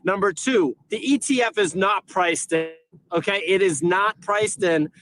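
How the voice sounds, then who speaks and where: A man's voice: high voice, unhurried, a bit bright, a little hiss or hum. Man on a call with dropouts. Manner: brash, lists bold numbered predictions. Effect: audio keeps cutting out. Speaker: co-host making predictions. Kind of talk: casual live-stream panel talk.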